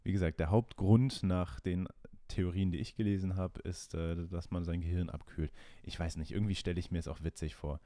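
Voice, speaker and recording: A man's voice: low-pitched, fairly even intonation, a little fast, dark tone, no echo. A man co-hosting a casual podcast, hesitant and questioning, recorded over a remote call. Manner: hesitant, many fillers, questioning. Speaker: podcast co-host. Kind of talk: casual chat.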